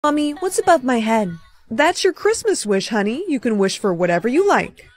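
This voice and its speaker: A text-to-speech woman's voice reading many parts of a storytime tale, with a fast, flat synthetic delivery. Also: on the high side.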